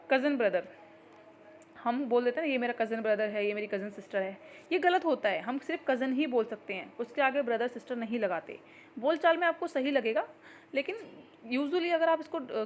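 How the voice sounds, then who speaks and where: A woman teaching an exam-prep grammar lesson, explaining patiently and reading example sentences slowly. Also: fairly high pitch, a little hiss or hum.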